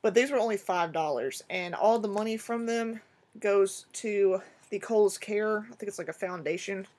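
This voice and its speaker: A young woman chatting casually in a rambling, excitable way as she shows off her shopping haul to the camera. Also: medium pitch, normal speed. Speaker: vlogger. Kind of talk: casual haul video chat.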